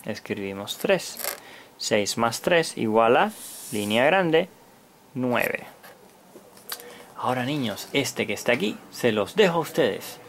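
A man's voice: medium pitch, sing-song, slow, pauses often. A man giving a step-by-step children's math lesson like a kids show host, in simple short phrases, as a teacher. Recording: noticeable background noise.

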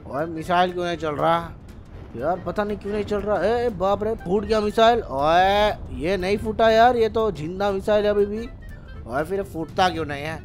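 A young man commentating gameplay excitedly, full of loud exclamations. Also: high-pitched, normal speed, faint music behind. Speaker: gaming channel host.

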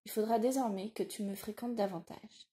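Woman reader voicing a middle-aged blacksmith father, solemn and tender, mellow tone, audiobook. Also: mid-range voice, fairly even intonation, normal speed, natural voice. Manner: solemn, confiding. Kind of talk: audiobook reading.

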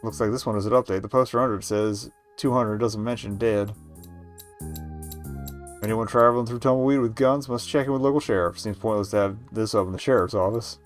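A man's voice: on the low side, steady tone, a little fast, faint music behind. A man in his thirties streaming a game, reading its text aloud with casual commentary. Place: indoor room at home, webcam stream.

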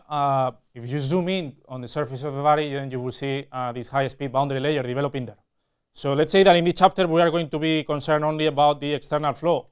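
A man in his forties giving a technical university lecture, explaining step by step with frequent pauses mid-phrase. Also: mid-range voice, smooth. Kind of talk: technical lecture at a whiteboard with slides. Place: indoor classroom or studio with whiteboard.

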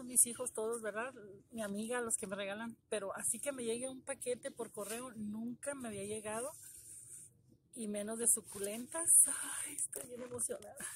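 A middle-aged woman, talking excitedly to viewers in a casual unboxing video, her voice trembling with emotion. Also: on the high side, normal speed, a little hiss or hum. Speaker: gardening vlogger.

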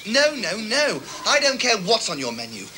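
A man playing a vain, excitable swashbuckling hero in a comedy dub, talking in a theatrical, silly way. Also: high-pitched, moderate pace, background noise. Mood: indignant.

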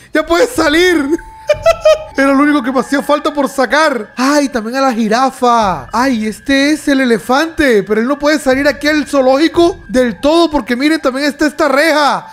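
A young man commenting on a horror video game in an excitable way, yelping, laughing and talking straight to his viewers. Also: very high-pitched, a little hiss or hum. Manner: excitable, yelps and laughs, talks to viewers as "amigos". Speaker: gaming YouTuber.

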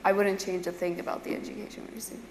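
A woman's voice: medium pitch, little pitch movement, very fast, slight background noise. A young woman, a design student, speaking earnestly and candidly on a panel stage. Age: young adult. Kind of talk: panel discussion. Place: stage in a large event hall. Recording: echoey hall with faint ambience.

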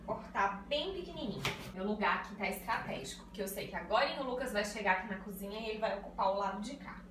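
Uma jovem mulher conversando com quem assiste enquanto cozinha e explica cada passo de uma receita na cozinha de casa. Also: female voice, mid-range voice, expressive, fast, background noise. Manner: chatty, explains each step to viewers. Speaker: cooking vlogger. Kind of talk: casual cooking vlog. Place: small tiled home kitchen. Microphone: phone on a tripod. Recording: echoey room, distant phone mic, background music.

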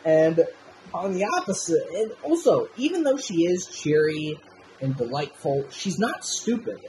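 A man chatting through a film review with loose, unscripted enthusiasm and a casual habit of swearing. His pitch swings widely as he gushes, and a faint noise hums in the background. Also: very animated, measured pace, warm tone, rough recording.

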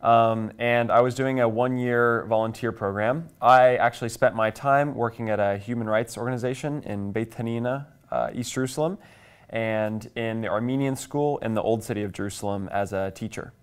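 Clean in tone, medium in pitch and moderate in pace, a young man in his twenties from Kansas answers conversationally as an interview guest, with an American accent. The setting is a small indoor TV studio, and he wears a lapel mic.

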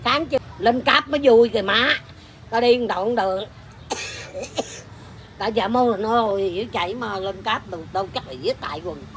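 A woman who performs in a lô tô troupe. She tells a comic anecdote in a crude, blunt and animated way and laughs often. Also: a little high, normal speed, pauses often, a little hiss or hum.

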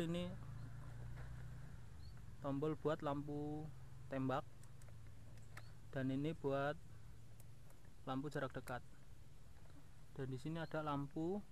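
In his casual motorbike walkaround, this vlog host speaks directly and colloquially to viewers from a house yard. He's on the high side, with little pitch movement, taking it slowly with long pauses; the action camera catches clear background noise.

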